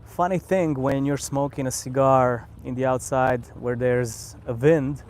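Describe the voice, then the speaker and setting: A man with a Croatian accent hosting a casual live stream outdoors, relaxed and unhurried, often repeating words as he thinks. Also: mid-range voice. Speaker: cigar channel host. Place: outdoors on a vacation island by the sea.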